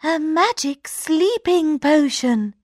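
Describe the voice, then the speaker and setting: A woman voicing a gentle, eager young princess in a read-aloud storybook, with bright exclamations. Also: high voice, animated, slow pace, no echo, clean studio sound, voice pushed up.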